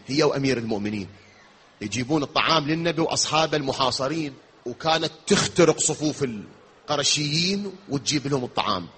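A man giving a sermon, telling the story in plain talk and then chanting a drawn-out lament. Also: mid-range voice, fairly bright tone, slight background noise. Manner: shifts from conversational storytelling to melodic wailing chant. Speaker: Shia preacher reciting elegy.

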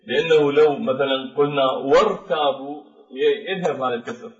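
A man gives a tajweed lesson, spelling out pronunciation rules at a slow, deliberate pace and repeating each example. His voice sits in a middle register and carries a roomy echo. The recording is dull and lo-fi. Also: medium pitch, far from the mic. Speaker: Quran recitation teacher. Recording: dull echoey room recording.

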